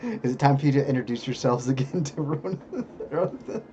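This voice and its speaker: A man's voice: medium pitch, very animated, normal speed, dark tone. A man running a tabletop game as game master, explaining rolls in an easygoing, casual way. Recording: dull lo-fi stream audio, faint hum.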